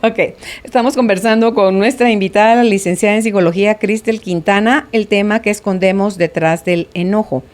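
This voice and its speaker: A woman's voice: medium pitch, steady tone, a little fast, a little mellow. A woman hosting a radio talk show, chatty and informal, moving between guest talk and listener messages. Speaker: radio podcast host. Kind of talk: casual on-air interview hosting.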